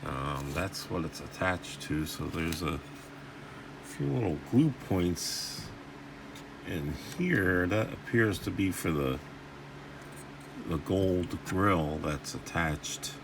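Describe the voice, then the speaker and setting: A deep, expressive male voice speaks slowly over background noise. The host of a radio repair video, he checks out equipment while thinking aloud, rambling casually in salty, informal language.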